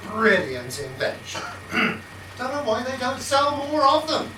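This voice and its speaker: A man's voice: extremely high pitch, sing-song, unhurried, heavily acted. Distant, echoey stage recording of a man playing a pompous, muddled pantomime king. He fusses and repeats himself hesitantly over background noise. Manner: hesitant, repetitive, throat-clearing. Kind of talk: broad amateur pantomime stage acting. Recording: echoey noisy stage from far off.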